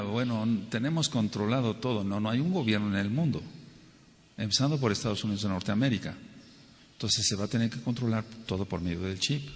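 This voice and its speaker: Emphatic man preaching in a reverberant hall. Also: on the low side. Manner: rhetorical, emphatic, repeats phrases for stress; acts out quoted people with a raised voice. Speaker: Messianic Torah teacher. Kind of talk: Torah teaching sermon.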